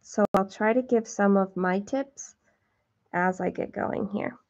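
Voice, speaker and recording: Host of a stitching livestream: a woman with a slow, gravelly voice who chats warmly with viewers; dull lo-fi sound. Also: medium pitch. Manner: chatty, self-deprecating, talks to viewers while counting stitches. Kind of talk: casual stitching livestream chat.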